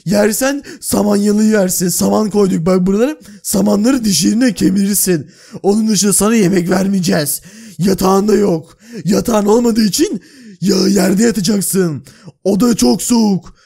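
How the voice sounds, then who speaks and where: A man voicing a cruel, gloating male jailer who serves a king, talking slowly and bossily in a game role-play. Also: sits high, vocal fry, dark tone, pitched below the performer's own voice. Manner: slow, menacing and bossy.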